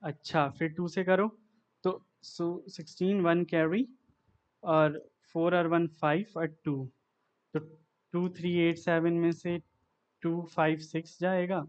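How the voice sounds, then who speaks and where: A man's voice: on the high side, little pitch movement, takes it slowly, clean tone, muffled recording. A man teaching a maths lesson, working through sums aloud step by step and asking himself each next step.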